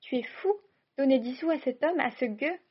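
A woman voicing a middle-aged mother who is sharp, anxious and scolding, in a storybook reading. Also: high voice, moderate pace, slightly rough, muffled recording. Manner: curt, reproachful delivery.

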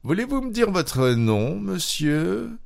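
A man's voice: sits high, sing-song, slow pace, gravelly, voice pushed up, heavily acted. A man reading a story aloud, voicing a shrewd, suspicious goldsmith who speaks formally and emphatically. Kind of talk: audiobook character voice.

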